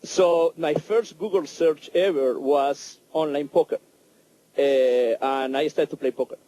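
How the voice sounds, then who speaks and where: Guest, man from Spain, higher mellow voice, simple direct answers. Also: unhurried, poor audio. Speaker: poker player guest. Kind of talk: casual interview answers.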